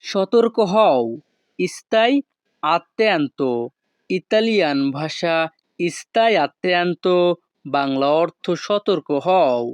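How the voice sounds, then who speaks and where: A man teaching short phrases in a slow lesson, repeating each one syllable by syllable. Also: sits high, lively intonation, clear, resonant tone, no echo. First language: Bengali. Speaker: language teacher.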